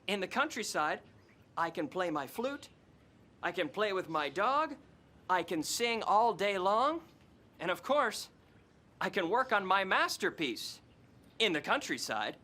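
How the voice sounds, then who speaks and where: A dreamy artist, played by a woman, drifts along slowly in a sing-song lilt. Her voice is bright and swoops up and down. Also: medium pitch, sing-song, heavily acted.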